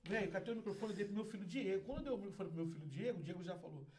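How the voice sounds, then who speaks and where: A man's voice: high-pitched, very fast, a little hiss or hum. A Brazilian man with a Brazilian Portuguese accent, telling stories as a podcast guest, laughing and acting out voices with lots of energy. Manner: exuberant, laughing, acts out voices loudly. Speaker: guest, community founder. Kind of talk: animated storytelling.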